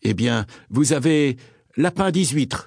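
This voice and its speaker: A man voicing a matter-of-fact doctor, asking questions in a low, measured tone. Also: animated, vocal fry, a little mellow, breathy edge, dry recording, studio quality, exaggerated voice. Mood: serious. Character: sober middle-aged male doctor, matter-of-fact.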